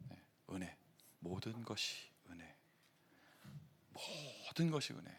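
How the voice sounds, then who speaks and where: A man preaching as pastor, telling stories in an animated, quick-tempered way with laughing asides. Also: a little high. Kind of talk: sermon.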